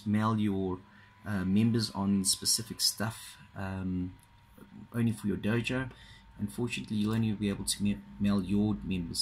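Explaining software at his desk, a man speaks in a low, gravelly voice, stumbling casually through fillers and restarts. He's a trainer doing a screen-recorded walkthrough, captured indoors by a phone aimed at the monitor.

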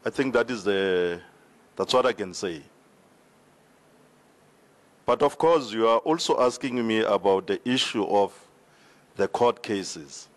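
A man with a South African accent answering formally at a town hall debate, speaking into a handheld mic in a large hall, with measured hesitations. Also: fairly low pitch. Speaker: regional party official on a panel. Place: large indoor hall with seated audience. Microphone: handheld microphone.

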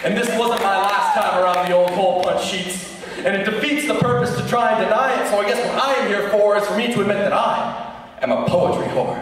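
A man's voice: high voice, fairly quick, a bit bright, a little hiss or hum. A young man performing slam poetry on stage with a theatrical, rhythmic, emphatic delivery. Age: young adult. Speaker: slam poet. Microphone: microphone on a stand. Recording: echoey hall recorded from far off.

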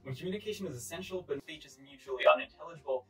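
Young male presenter, twenties, for scripted explainer. Quick delivery, formal tone, light music underneath. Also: fairly high pitch, animated, poor audio. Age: 20s. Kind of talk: scripted educational narration.

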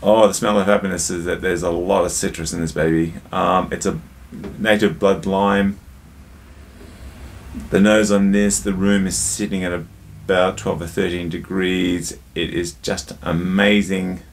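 A man's voice: low-pitched, flat delivery, a little slow, a little hiss or hum. A man hosting a casual drinks review vlog, chatty and jokey, talking straight to his viewers and telling a joke along the way.

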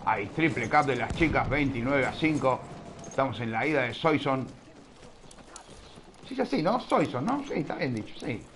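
Casual: argentine guy streaming, casting a shooter match, chatty and teasing, middle-pitched voice with faint gunfire behind. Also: noisy background. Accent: Rioplatense Spanish. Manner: chatty, teasing, scolds chat playfully. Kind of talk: live game commentary.

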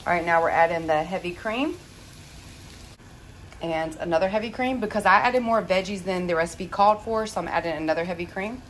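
This woman has a lowish voice and talks a little fast, giving folksy, informal cook-along narration as a home cooking vlogger. Frying sizzle and kitchen noise are clearly audible from her indoor home kitchen.

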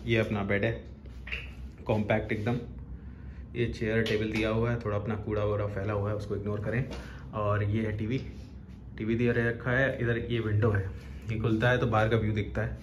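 A man in his thirties, chatting upbeat as he films a road-trip vlog on a phone held at arm's length. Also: fairly low pitch. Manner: chatty, upbeat tour-guide talk. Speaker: vlogger. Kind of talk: casual travel vlog narration. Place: outdoors at highway rest stop, car, hotel room. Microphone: phone camera at arm's length. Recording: loud road and outdoor noise.

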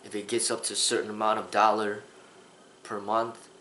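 A man's voice: lowish voice, flat delivery, normal speed, pushed and bright, slight background noise. Earnest man in his thirties, roomy sound. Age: 30s. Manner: earnest, rambling, with restarts and fillers. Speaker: kung fu instructor. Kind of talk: casual talking-head vlog. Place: small indoor room with a sofa.

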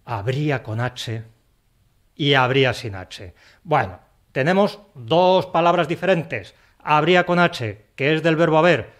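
A fairly high-voiced man from Spain with a Spanish accent, hosting a scripted video lesson on spelling. He talks playfully and theatrically, breaking into mock-pained sighs, then slows right down to spell words out with emphasis. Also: expressive, fairly bright tone. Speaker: language teacher and channel host.

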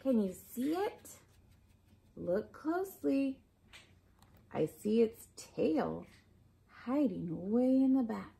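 Indoors in a small furnished room at home, a woman reads a children's picture book aloud in a high, animated, gravelly and husky voice. She is expressive, speaking to young listeners with questions and asides as a storybook reader for children.

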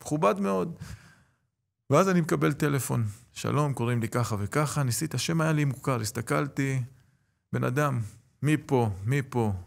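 A middle-aged man with a gravelly, fry-edged voice tells stories in an interview. He is a rabbi and lecturer, and his delivery is animated as he acts out the voices of the people he quotes. His pitch sits in an ordinary middle range. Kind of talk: storytelling in an interview.

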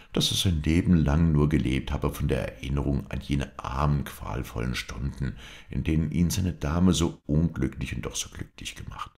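A man narrating a classic tale as an audiobook reader, with expressive storytelling. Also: rumbling low, vocal fry.

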